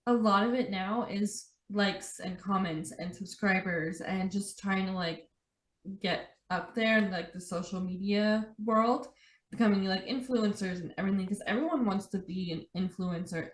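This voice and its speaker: A young woman hosts a podcast conversation in a chatty, relaxed way, peppering her sentences with "like." Her voice sits at a middle pitch. The room gives it a noticeable echo. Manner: chatty, says "like" often. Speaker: podcast host. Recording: roomy echo.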